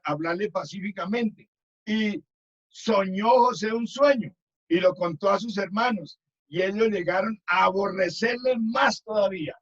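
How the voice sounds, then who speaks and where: A man, a minister telling a testimony with many restarts in a Sabbath school lesson. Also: sits high. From Colombia. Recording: dull lo-fi recording.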